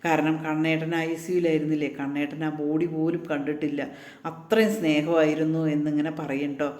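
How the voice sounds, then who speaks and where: A man with a fairly high voice recaps a TV serial's latest episode in casual talk. He keeps an even, flat delivery and keeps throwing in little tag words for the listener. The recording sounds echoey, as if made in a bare room. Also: brisk. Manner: retells scenes in a flat, even flow, tagging lines with "kēṭṭō".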